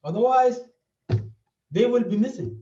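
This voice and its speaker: Heard from a distance in a dull, echoey recording with slight background noise, a man from South Sudan speaks as a therapist being interviewed. His extremely high, warm voice is expressive and a little slow, and he earnestly explains and repeats his points in a South Sudanese accent.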